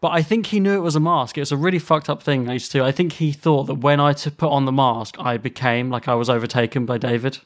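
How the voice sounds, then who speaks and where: A man's voice: mid-range voice, fast talker, few pauses. A man co-hosting a podcast, telling paranormal stories in loose casual chat, full of fillers and laughs. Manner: chatty, laughs often, trails off with fillers. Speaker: podcast co-host.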